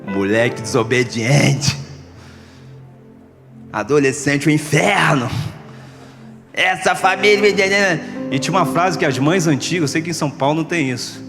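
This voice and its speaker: A man's voice: a little high, normal speed, pauses often, big-room sound, over music. A man from Brazil preaching a sermon as pastor, joking and acting out the voices of people who complain. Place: church sanctuary.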